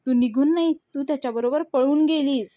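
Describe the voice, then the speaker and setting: A stern, controlling middle-aged father, read aloud by a woman as she retells a soap scene. The voice is raised and forceful when he scolds and turns gentle when he coaxes. The tone stays mellow and the room sounds dry. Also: on the high side, steady tone, moderate pace, dry recording, lightly acted. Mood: angry scolding. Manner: scolding loudly, then coaxing softly.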